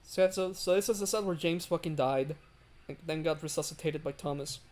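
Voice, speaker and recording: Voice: mid-range voice, a little fast, a little mellow. A livestreamer chatting casually while building a railway in a game, rambling with many fillers and greeting chat. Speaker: livestream host.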